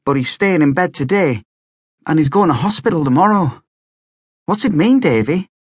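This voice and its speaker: A man putting on a high, eager young boy. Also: animated, normal speed, slightly rough, no echo, studio quality. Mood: worried.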